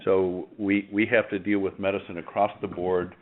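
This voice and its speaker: A man speaking on a conference call over a speakerphone, halting and full of filler sounds. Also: low-pitched, little pitch movement, a little hiss or hum. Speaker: company executive on a press conference call. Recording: tinny phone line, slightly distant speakerphone.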